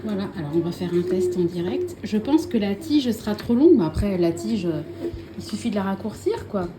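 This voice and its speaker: A woman's voice: medium pitch, expressive, brisk. Woman, casual home vlog, chatty with fillers and restarts, noisy background. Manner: chatty, many fillers and self-corrections. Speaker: vlogger showing purchases. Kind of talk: casual chat to camera.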